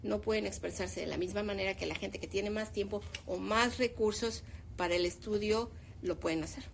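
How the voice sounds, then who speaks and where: Gravelly-voiced woman in her fifties. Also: mid-range voice, normal speed, slight background noise. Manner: opinionated, animated when making a point. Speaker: teacher. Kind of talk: casual discussion.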